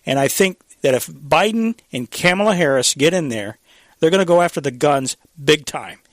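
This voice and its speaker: A man's voice: a little high, expressive, normal speed, no room sound. A man hosting a live radio talk show, speaking casually with fillers, restarts and little chuckles. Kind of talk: casual political commentary.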